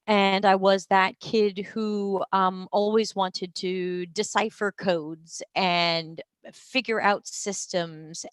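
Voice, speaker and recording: A woman in her forties talks through her life story in a casual live-stream monologue at a middle pitch. She is chatty and self-deprecating, filling pauses with ums and uhs. The sound is dry and close, with no room around it. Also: clean tone, no room sound. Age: 40s. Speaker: UX professional telling her story.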